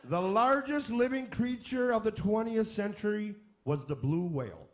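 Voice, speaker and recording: Irreverent quiz questions come from a man hosting a comedy radio variety show, who throws in wisecracks as he goes. He speaks at a moderate pace in a voice that sits high, with lively intonation.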